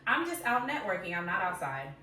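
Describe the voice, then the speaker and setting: A woman in her thirties co-hosting a casual podcast chat, animated and playful, often saying "y'all" and "amen". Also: on the low side, a little fast, slight background noise. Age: 30s. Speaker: podcast co-host. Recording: echoey room, mic at a distance.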